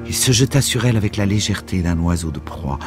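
A man giving a measured, expressive literary reading for a radio broadcast. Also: low-pitched, music in the background. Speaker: reader.

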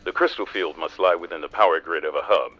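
An actor playing a steady, pragmatic spaceship captain, giving serious military briefings in a scripted game. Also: male voice, deep voice, quick pace, muffled recording, soft background music. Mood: instructive. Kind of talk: scripted game mission dialogue.

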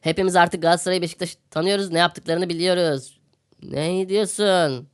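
A man's voice: high voice, little pitch movement, quick pace, smooth. A man hosting a podcast, giving satirical news commentary in a sarcastic, ranting manner and repeating phrases for comic effect. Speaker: podcast host.

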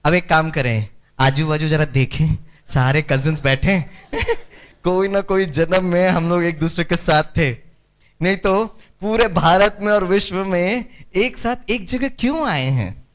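A man's voice: sits high, measured pace. A man from Kerala, giving a spiritual lecture to an audience, mixing Hindi with English and calling for responses. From Kerala, India. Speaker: meditation speaker.

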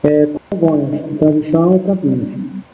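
Man, walkie-talkie radio voice, slightly high, hesitant pilot readbacks, thin phone-like sound. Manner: halting readback with fillers and self-corrections. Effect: heard over a radio link, like a walkie-talkie. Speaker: virtual airline pilot on a flight-sim network. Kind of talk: radio phraseology to air traffic control. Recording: tinny, echoey radio line.

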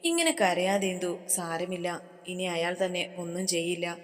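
A woman's voice: lowish voice, a little slow, long reverb tail, natural voice. A woman narrator voicing a stern, protective young man in a storybook. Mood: soothing. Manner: cold, threatening.

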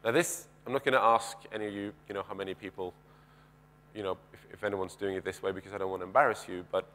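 A man's voice: lowish voice, steady tone, fast talker, a bit bright. A man in his thirties giving a keynote talk on a large conference stage through a headset mic, conversational, asking the audience questions and often restarting sentences. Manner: paces the stage with gestures. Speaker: keynote speaker.

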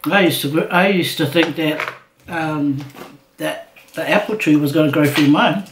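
Slow-talking middle-aged woman chatting while eating. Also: deep voice, slight background noise. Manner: talks between mouthfuls, with appreciative hums. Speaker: mukbang host. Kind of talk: casual chat while eating. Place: indoor room at a table. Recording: roomy echo, clinking dishes.

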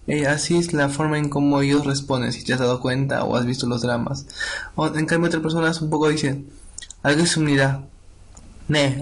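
A young man teaching a Korean language lesson, slowly reading dialogue lines and repeating them for students. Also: mid-range voice.

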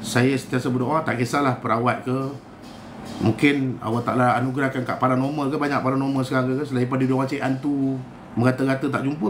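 A man's voice: mid-range voice, reverberant, slight background noise. A man with a Malaysian Malay accent, a spiritual healer giving a casual live-stream talk with a preachy, rhetorical manner and exasperated asides.

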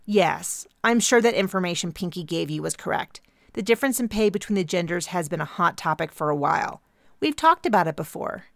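A young woman friend speaks in a dry, practical way, voiced by a woman narrator with a low, gravelly tone. The read is close and dry, with no room around it. Her remarks land flat and wry. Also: brisk, no room sound.

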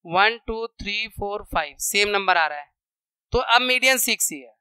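Guy teaching kids maths, counting stuff out loud step by step, super clear voice. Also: high voice, expressive, moderate pace, no room sound. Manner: counts aloud, checks in with "okay". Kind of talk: classroom maths lesson.

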